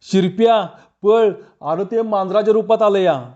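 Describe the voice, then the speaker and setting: A narrator voicing a jittery village crop thief. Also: male voice, fairly high pitch, unhurried, mellow, highs cut off, lightly acted. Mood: panicked. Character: frightened village man sneaking to steal crops.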